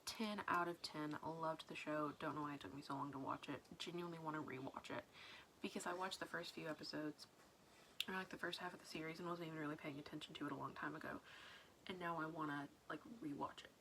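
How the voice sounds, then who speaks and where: Woman vlogger, casual rambling diary chat, whispery asides, gravelly fry. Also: deep voice, steady tone, quick pace, a bit bright, slight background noise.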